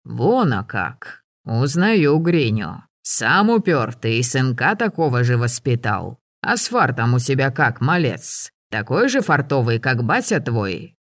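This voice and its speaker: A man voicing a gruff, sardonic old hunter who barks orders and teases. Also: medium pitch, very animated, measured pace, hardly any pauses, fairly bright tone, dry recording, studio quality. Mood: gruff mocking.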